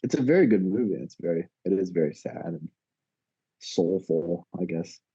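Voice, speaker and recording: A man's voice: low voice, animated, normal speed, warm tone, husky, no echo, muffled recording. A man talking as a podcast guest in a casual, laid-back way, rambling a little and joking dryly. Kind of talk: casual chat.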